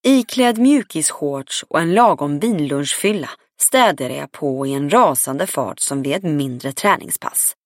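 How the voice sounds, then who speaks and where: A woman's voice: deep voice, lively intonation, few pauses, no echo, studio quality. Woman reading a first-person audiobook. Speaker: audiobook narrator. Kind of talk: scripted first-person narration.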